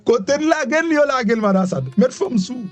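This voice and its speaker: A Haitian man with a Haitian accent giving animated immigration news commentary, repeating himself and asking rhetorical questions. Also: extremely high pitch, fast talker, faint music behind. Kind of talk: news commentary mixing Creole, French and English.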